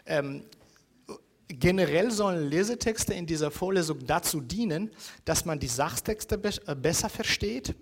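A man's voice: on the high side, lively intonation, moderate pace, husky. Hesitant lecturing man. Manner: hesitant, many fillers, rhetorical "ja?" checks. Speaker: university lecturer.

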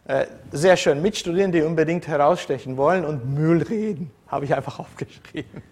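A brisk university lecturer from the former Soviet Union, with a husky, darkish voice on the high side, speaks casually to his students. He strays off topic often, filling his talk with fillers, restarts and self-corrections in a digressive, conversational manner.

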